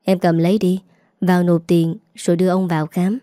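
Woman voicing a calm kind man in his thirties. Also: fairly low pitch, brisk, dry recording, studio quality, close to an everyday voice.

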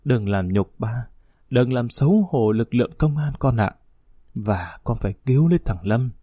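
A dying old police chief recalls his war days in a warm, fatherly way, as a narrator puts him on. His voice is dark and husky, and he never leaves the calm pace of the storybook read. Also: medium pitch, moderate pace, no room sound, clean studio sound, natural voice. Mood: solemn. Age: older.

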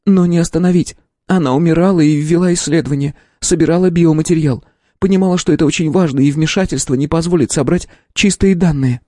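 A man voicing a young female lab scientist in an audiobook, earnest and measured as she explains. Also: on the high side, warm tone, no room sound, clean studio sound, natural voice. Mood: sorrowful.

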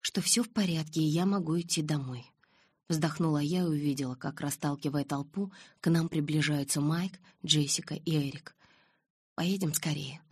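A woman's voice: low voice, a little mellow, breathy edge, dry recording, clean studio sound. A woman narrating an audiobook in the first person and reading the dialogue lines herself.

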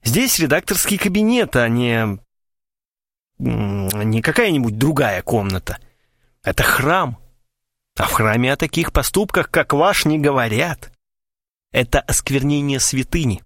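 An idle poet holds forth with lazy pomp, voiced by a man. The voice rises and falls in lively swings. It sounds close and dry. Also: mid-range voice, measured pace, dry recording. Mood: mock-solemn. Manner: drawling, pompous. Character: lazy, mock-solemn male poet.

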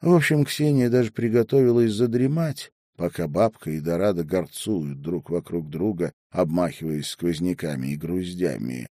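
A man narrating an audiobook in a measured, dramatic storytelling manner. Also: low-pitched, dark tone, no echo, studio quality.

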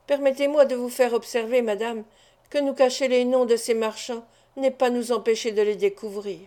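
A woman's voice: a little high, steady tone, normal speed, dark tone, close to an everyday voice. A woman voicing a firm, confident male police commissioner in an audiobook of a classic novel.

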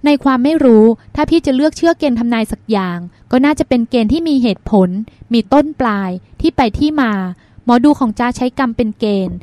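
A woman reading the part of a thoughtful, earnest woman doctor in an audiobook, speaking in a measured, reasoning way. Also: high voice, expressive, mellow, no room sound. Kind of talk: audiobook dialogue.

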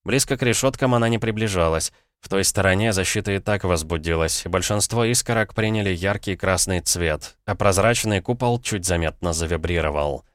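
A male audiobook narrator with a very deep, smooth and resonant voice. He reads first-person prose at a measured pace with a dry wit. The recording is dry and close, with no room sound. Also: no room sound.

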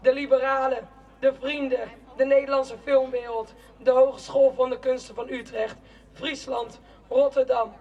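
A young woman giving a protest speech in a slow, declamatory spoken-word style, with shouted chants between lines. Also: sits high, little pitch movement, lo-fi sound. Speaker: rally speaker. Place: outdoor city square at a demonstration. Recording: distant outdoor rally recording.

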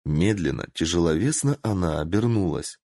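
A man narrating a story in an expressive, lively storytelling manner. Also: deep voice, normal speed, no echo, studio quality. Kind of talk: audiobook narration.

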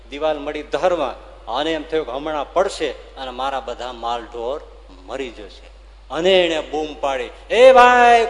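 A male swami with a Gujarati accent preaches a lively devotional story, letting his voice leap up for drama and slow down for the verses. His voice sits at an ordinary middle pitch. A long reverb of a large hall trails after every phrase. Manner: lively storyteller, rising loud for drama and slowing to chant verses. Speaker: swami giving a religious discourse.

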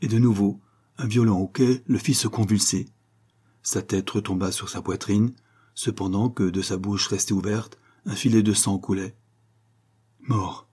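A man narrating a detective story as an audiobook with steady dramatic reading. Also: fairly low pitch, moderate pace, breathy edge.

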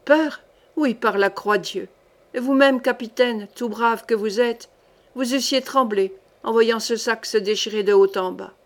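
A woman's voice: fairly high pitch, unhurried. Brief: a scared, long-winded medieval henchman pleading before his lord, told in a story reading, voiced by a woman with a lightly raised voice. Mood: fearful pleading. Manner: rambling, dramatic storytelling. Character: frightened male henchman pleading with a duke.

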